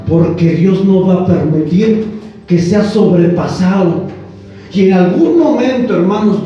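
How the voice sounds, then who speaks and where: Pastor, male, high voice, preaching in a very echoey church from a distant mic, soft music behind. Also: lo-fi sound. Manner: storytelling with rhetorical questions to the congregation. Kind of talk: sermon. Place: church hall.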